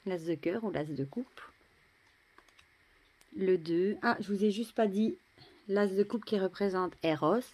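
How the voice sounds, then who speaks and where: A French woman casually showing and admiring tarot cards, chatty, often dropping to a soft murmur. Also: medium pitch, measured pace, pauses often. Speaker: tarot deck reviewer. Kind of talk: casual show-and-tell.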